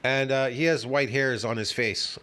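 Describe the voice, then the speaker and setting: A man's voice: mid-range voice, measured pace, bright, forceful tone. A man in his fifties ranting in a reaction video from home, scornful and profane, constantly tossing in "man" and "bro.". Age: 50s. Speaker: fitness video host.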